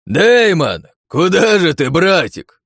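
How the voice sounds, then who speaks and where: A man's voice: high-pitched, very animated, takes it slowly, fairly bright tone, no room sound, studio quality, pitched above the performer's own voice, exaggerated voice. A man voicing a cruel, mocking red-haired male villain who taunts and gloats in an audiobook. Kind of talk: audiobook character voice.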